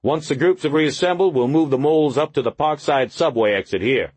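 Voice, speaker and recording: A man's voice: on the high side, a little fast, a little mellow, slightly rough, no echo, voice pushed up. A man reading an audiobook, voicing a blunt, overweight male police lieutenant who gives coarse, bossy orders.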